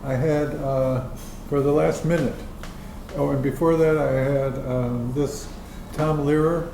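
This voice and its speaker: Taking it slowly, a public-access show producer shares a rambling, chuckling story about his show during casual chat at an indoor dinner meeting. His voice is a little high and steady with vocal fry, recorded in an echoey room with background noise.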